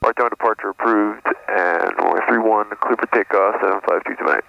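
A man flying a small plane, talking through his cockpit headset intercom in calm, clipped radio phrasing. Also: fairly low pitch, fairly quick, creaky, no echo. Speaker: private pilot. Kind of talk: flying vlog with radio calls and checklists. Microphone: aviation headset. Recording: muffled intercom with engine noise.

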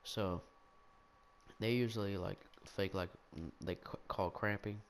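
A young man telling a childhood story in a rambling, animated, self-mocking way, with lots of restarts. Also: fairly low pitch, measured pace, slight background noise. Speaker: gaming video storyteller.

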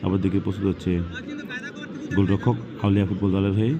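Male football commentator, low register, short repetitive announcing phrases, live outdoors with clear crowd and background noise. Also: level tone, quick pace. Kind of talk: live penalty shootout commentary.

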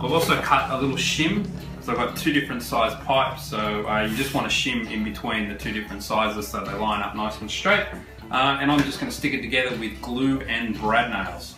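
A man, a woodworking host who explains a project in a relaxed, chatty way with fillers. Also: mid-range voice. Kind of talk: casual how-to narration. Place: large home workshop, indoors. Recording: roomy workshop sound, mic at a distance, music under the voice. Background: background guitar music.

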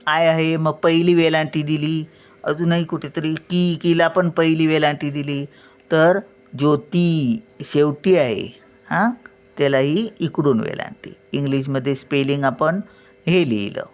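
An older woman teaching at home, spelling out letters one by one and checking often that the learner follows. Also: low voice. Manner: patient, spells out letters and sounds words slowly. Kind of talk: home writing lesson.

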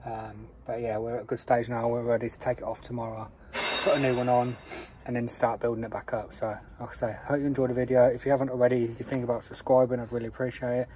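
Mechanic muttering outdoors by a car. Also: male voice, mid-range voice, level tone, fast, few pauses, mellow, low-quality recording. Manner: muttering while working, thinking aloud. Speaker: mechanic vlogger. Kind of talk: casual work vlog. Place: outdoors beside a car with the bonnet open. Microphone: phone camera held close. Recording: outdoor ambience noise behind the voice.

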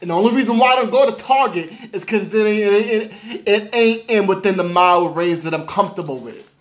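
High-voiced man ranting to camera. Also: fairly quick. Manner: animated, exasperated, talks straight to the viewers; casual slangy speech, repeats lines for emphasis. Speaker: vlogger. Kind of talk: casual ranting vlog.

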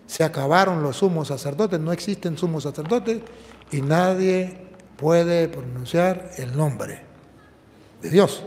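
A priest preaches with a high, bright-sounding male voice, driving each point home with emphatic explanations and rhetorical questions. His words ring out with a long reverberant tail from the church around him. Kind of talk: preaching and apologetics dialogue.

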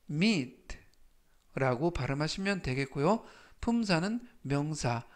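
Slow, high-voiced Korean man teaching words. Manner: explains each word with frequent slow, drawn-out demonstration pronunciations. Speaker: English vocabulary teacher. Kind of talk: slow word-by-word vocabulary lesson.

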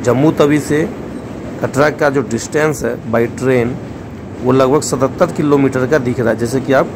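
A man's voice: mid-range voice, fairly even intonation, normal speed, background noise. A man, a travel vlogger, narrating a voice-over with travel tips for his viewers. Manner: informative, gives tips to viewers.

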